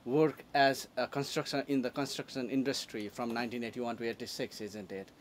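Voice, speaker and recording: Young guy interviewer, lots of uh and yes, soft hiss behind. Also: medium pitch, brisk. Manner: many fillers, steady yes and uh-huh. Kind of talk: sit-down interview. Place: room with bookshelves and a leather sofa.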